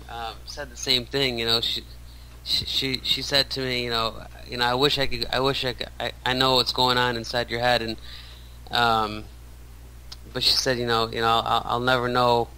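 A man's voice: mid-range voice, flat delivery, moderate pace, sharp tone, smooth, rough recording. A man in his thirties, a radio show guest, talking casually with many restarts and fillers. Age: 30s. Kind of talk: casual interview talk.

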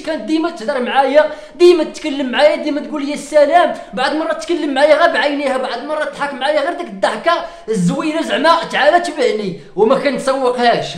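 Moroccan male comic, fast wailing rant, echoey room. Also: very high voice. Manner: wailing, ranting, theatrical lament. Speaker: comedian. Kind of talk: comic sketch monologue. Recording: roomy echo.

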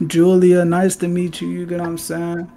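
A man's voice: high-pitched, monotone, moderate pace, dark tone, soft background music. A man in his twenties from Chicago, a dating show contestant who chats in a laid-back way and keeps checking that he is understood. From Chicago, USA. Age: 20s. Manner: laid-back, keeps asking "you get what I'm saying". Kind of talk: casual voice chat.

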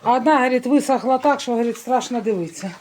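A woman's voice: fairly high pitch, very fast, darkish tone, a little hiss or hum. A middle-aged woman vlogging casually outdoors in a village garden, chatting homely to the camera as she shows things. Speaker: family vlogger. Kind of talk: casual vlog narration.

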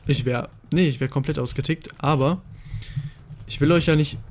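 A young man giving live gameplay commentary as a gaming video host, excitable and swinging from mutters to shouts. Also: a little high, moderate pace.

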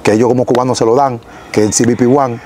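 A young Dominican man with a Dominican Spanish accent, telling his story as an interview guest in an animated, casual way, recorded outdoors on a lapel mic. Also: mid-range voice, fast talker, slight background noise, low-quality recording. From Dominican Republic. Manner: animated, gesturing, frequent self-corrections. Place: outdoors in a rural yard.

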